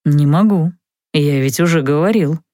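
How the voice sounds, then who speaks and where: A woman voicing a mocking, smug young male mage in an audiobook, speaking calmly and teasingly in a lowered voice. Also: dry recording, clean studio sound, natural voice. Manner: calm, teasing, unhurried. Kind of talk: audiobook character voice.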